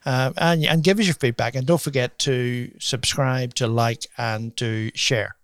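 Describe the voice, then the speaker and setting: Male, podcast co-host, conversational radio-style delivery, mid-pitched, dry recording. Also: fairly even intonation, a little slow, no echo. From Ireland or Britain.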